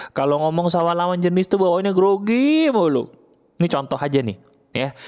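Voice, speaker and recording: A man delivers a casual motivational talk straight to the listener. His pitch swings widely as he fires rhetorical questions and acts out their doubts in a higher voice. His voice sits at a middling pitch for a man. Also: darkish tone. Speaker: motivational speaker.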